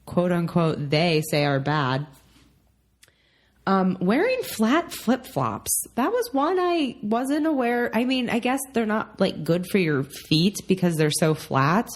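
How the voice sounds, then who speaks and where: A woman in her thirties talking casually on a home relationship podcast. Her voice sits a little low, and she rambles between topics with plenty of ums. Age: 30s. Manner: chatty, rambling with frequent ums. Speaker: podcast co-host.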